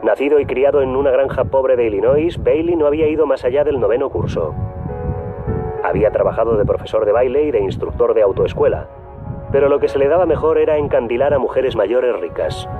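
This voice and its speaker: A man giving scripted documentary narration in a measured, even storytelling manner. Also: medium pitch. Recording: tinny phone-like audio with music bed. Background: background music.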